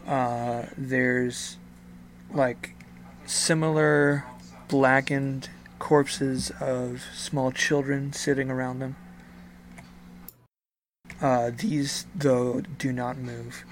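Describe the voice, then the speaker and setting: A man narrating a tabletop role-playing game as game master, improvising with a hesitant, halting delivery. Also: medium pitch, little pitch movement, a little hiss or hum, poor audio.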